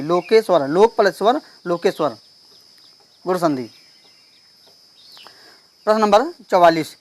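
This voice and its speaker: A male teacher solving an exam paper step by step. He reads each question slowly and keeps checking in with the class. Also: high-pitched. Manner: explains step by step, reads questions slowly, repeats "theek hai". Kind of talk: exam paper walkthrough lesson.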